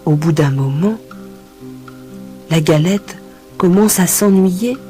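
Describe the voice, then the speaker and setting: A woman teacher narrates a children's tale at a slow, unhurried pace and reads it expressively. Faint music plays behind her. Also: lowish voice, mellow. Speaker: teacher reading a story.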